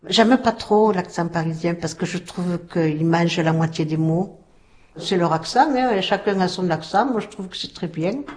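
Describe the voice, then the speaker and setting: A woman's voice: lowish voice, moderate pace, darkish tone, a little hiss or hum. A woman, chatting casually as an interviewee.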